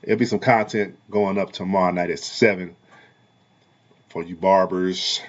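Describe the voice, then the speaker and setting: A man who is a parent and a barber, talking heatedly in a casual commentary vlog, repeating himself in a preachy way and swinging between loud and soft. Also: low-pitched, steady tone, normal speed, lo-fi sound. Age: adult parent. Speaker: vlogger and barber.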